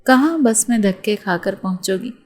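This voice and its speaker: A woman's voice: medium pitch, darkish tone, lightly acted. Storybook read-aloud: a woman putting on a cocky wealthy young man, mocking and menacing. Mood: teasing.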